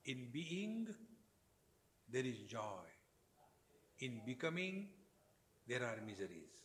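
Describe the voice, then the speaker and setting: Male spiritual teacher, Indian accent, discourse delivery in short emphatic phrases, medium-pitched voice. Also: sing-song, takes it slowly, fairly bright tone, a little hiss or hum. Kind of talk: spiritual discourse with Sanskrit verse.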